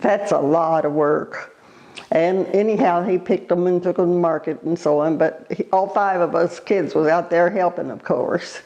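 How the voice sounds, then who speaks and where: An elderly woman reminisces in an interview in a halting, unhurried way, pausing as she recalls. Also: lowish voice, dark tone, lo-fi sound. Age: elderly, born 1936. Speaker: oral history interviewee.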